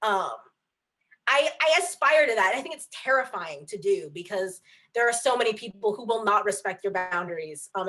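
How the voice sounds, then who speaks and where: A woman's mid-range, slightly bright voice carries a candid, casual video-call conversation in which she's the guest author. She speaks frankly, leaning on fillers and restarting her thoughts.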